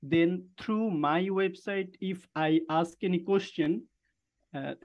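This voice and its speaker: A man's voice: high voice, slow, a little mellow. A male student on a conference call gives a hesitant, polite course review full of filler sounds. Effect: conference call audio. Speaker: student in a coding bootcamp. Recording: dull lo-fi call line.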